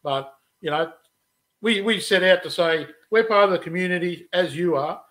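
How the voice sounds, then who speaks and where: Middle-aged aussie bloke co-hosting, joky rambling chat, voice sits a bit high. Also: male voice, normal speed, fairly bright tone. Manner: chatty, joking, rambling with restarts. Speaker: podcast co-host. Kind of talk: casual chat. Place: studio room, then wood workshop.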